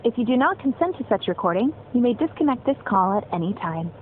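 A woman's recorded phone menu message, a polite, measured scripted announcement for a customer service line. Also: on the high side, very animated. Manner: polite, measured, evenly paced. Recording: tinny phone line with faint hiss.

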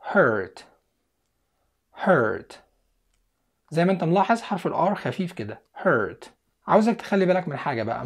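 An English teacher with an Egyptian Arabic accent who explains in Egyptian Arabic and says English words and sentences slowly and clearly for beginners. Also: medium pitch. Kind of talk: language lesson for beginners.

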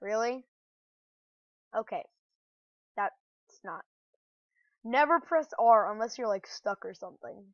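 High, flustered gamer woman, lo-fi. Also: animated, slow, long pauses, dry recording. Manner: easily flustered, exclaims at the game. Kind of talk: let's play commentary. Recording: dull lo-fi dry recording.

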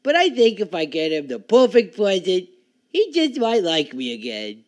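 A man's voice: sits high, huge pitch swings, moderate pace, no room sound. A man voicing a cheerful, clueless cartoon athlete with a goofy, naive, drawling delivery. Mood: wistful. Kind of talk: cartoon voice acting.

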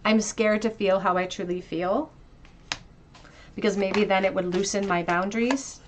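A woman reads tarot cards for her viewers in a gentle, reflective way, speaking straight to them. Her voice sits at a middling pitch for a woman. A faint hiss lies under the recording. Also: steady tone, normal speed. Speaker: tarot reader. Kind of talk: pick-a-card tarot reading.

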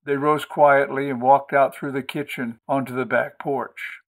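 A man narrating a book chapter for a podcast. His reading is steady and measured, with a voice of ordinary middle pitch. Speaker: audiobook host and reader. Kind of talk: audiobook narration.

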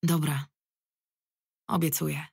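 A woman voicing a weary middle-aged male police commander, gruff but fatherly, who speaks firmly and plainly. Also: low-pitched, little pitch movement, slow, a little mellow, dry recording, studio quality, full character voice. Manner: firm, tired and plain-spoken.

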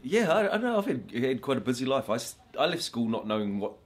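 A man in his forties telling his life story in a relaxed, reflective way during an interview in a classroom. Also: mid-range voice, quick pace, husky. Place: indoor classroom.

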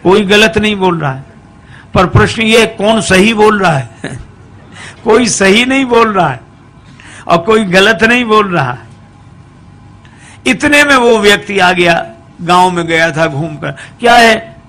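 A man's voice: sits high, unhurried, pauses often. A man telling a comic religious tale, narrating and singing verse couplets. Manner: animated, sings couplets between narration. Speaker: religious storyteller. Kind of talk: humorous katha storytelling with sung verses.

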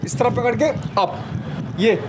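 High-voiced young man coaching a workout. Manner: energetic coaching, repeated "slowly slowly" and counting cues. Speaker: fitness trainer. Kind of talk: home workout demonstration. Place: rooftop terrace outdoors. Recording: noisy outdoor rooftop recording. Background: outdoor street ambience, vehicles.

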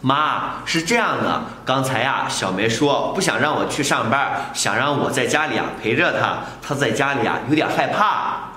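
Man playing a gentle, worried young husband. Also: mid-range voice, expressive, moderate pace, hardly any pauses. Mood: coaxing. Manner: gentle, coaxing. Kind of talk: short family drama acting. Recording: echoey room, faint background noise.

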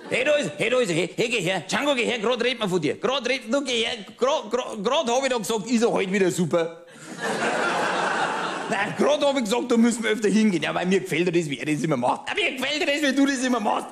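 A comedian putting on a bigoted middle-aged Bavarian loudmouth with a thick Bavarian accent. He rants in a smug, self-satisfied way and keeps nudging the listener with "verstehst?". His voice sits a little high for a man. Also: very animated, quick pace, gravelly, heavily acted. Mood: excited, chummy. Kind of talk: cabaret monologue.

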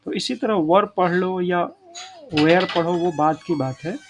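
Male teacher, higher voice, checking tags. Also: measured pace, highs cut off, background noise. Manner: addresses students as children, frequent checking tags. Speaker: English teacher. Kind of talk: classroom grammar lesson.

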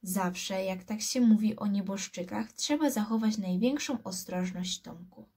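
Woman voicing a nervous boy, whispering, dark soft tone, storybook. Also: medium pitch, a little slow, slightly rough. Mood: uneasy. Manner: hushed whisper.

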